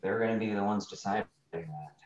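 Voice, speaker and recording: A man playing in a tabletop game podcast, talking in an unhurried, deliberate way. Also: lowish voice, a little mellow. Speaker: player. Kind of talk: casual tabletop podcast chat. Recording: roomy dull mic with faint background noise.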